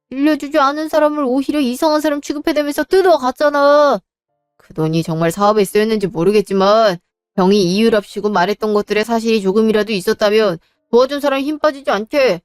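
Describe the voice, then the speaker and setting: A woman's voice: fairly high pitch, darkish tone, clean tone, dry recording, clean studio sound, lightly acted. A woman voicing an exasperated married man who argues back at his mother and brother in a narrated drama. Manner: exasperated, argumentative. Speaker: husband character.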